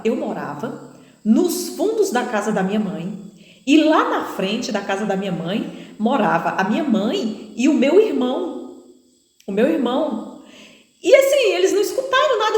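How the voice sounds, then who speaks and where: A Brazilian woman preacher giving an emotional spoken testimony, retelling it in an animated way with many fillers. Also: fairly high pitch. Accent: Brazilian Portuguese. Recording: echoey room with long reverb.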